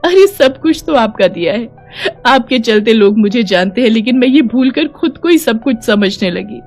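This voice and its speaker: Woman plays a young daughter-in-law in a cartoon story, bright and emotional. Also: on the high side, natural voice. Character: young daughter-in-law officer, proud then remorseful.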